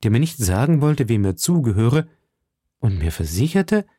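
A man's voice: mid-range voice, big pitch swings, mellow, breathy edge, no echo, clean studio sound. Aramis, a man voicing a courtly young musketeer. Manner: measured, courtly. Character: young gallant male musketeer, poetic and coy.

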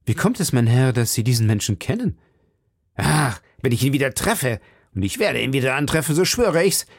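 A man's voice: medium pitch, big pitch swings, moderate pace, husky, no room sound, studio quality. A man reading aloud and voicing an eager, hot-headed young nobleman in a fervent manner. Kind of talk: audiobook reading.

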